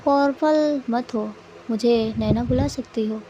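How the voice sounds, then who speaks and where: A woman voicing a calm, teasing young woman rival on the phone, soft and unhurried. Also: fairly high pitch, highs cut off, noisy background. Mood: cool teasing.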